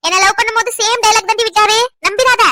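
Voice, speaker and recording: A woman's voice: very high-pitched, steady tone, quick pace, background noise. A young woman voicing a pregnant wife who scolds and teases playfully, then turns tender. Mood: jealous teasing.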